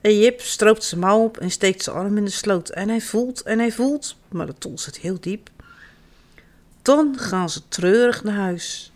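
A woman reading children's stories aloud in an expressive, sing-song way as storyteller. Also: medium pitch, measured pace, few pauses.

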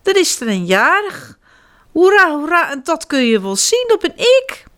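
A woman voicing an excited little boy bear cub who shouts shrilly with glee. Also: very high voice, a little fast, voice pushed up.

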